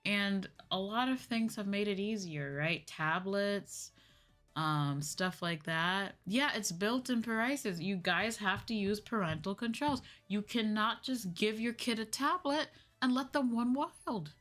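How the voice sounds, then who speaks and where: Over background music, a young adult woman VTuber chats casually on a livestream, often checking in with "right?" and "you know." Her medium-pitched voice is slightly bright and unhurried.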